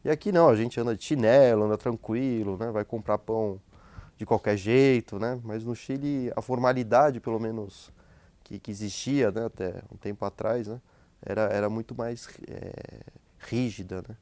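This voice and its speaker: A guest sociologist and professor explains things in a relaxed, conversational way, tagging his sentences with questions and often restarting them hesitantly. His voice runs on the low side at a moderate pace, with no room sound.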